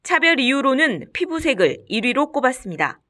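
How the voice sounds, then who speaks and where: A woman's voice: high-pitched, sing-song, fairly quick, sharp tone. A woman reporter reading scripted narration for a television news report.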